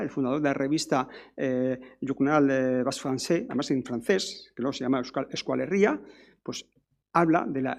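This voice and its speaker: A man's voice: fairly high pitch, creaky, a little mellow. A middle-aged man giving a conference lecture, talking in a discursive way with frequent restarts and tag questions. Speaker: academic speaker.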